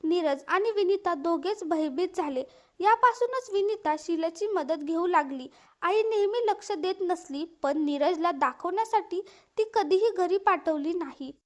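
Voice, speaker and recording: A woman narrating an emotional family story in a calm, even, scripted reading. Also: very high-pitched, measured pace.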